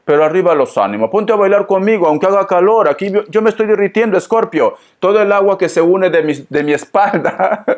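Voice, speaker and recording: Affectionate man giving a tarot reading. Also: on the high side. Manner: affectionate, chatty, keeps calling the listener darling. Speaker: tarot reader. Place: at home in a hot room with a fan running.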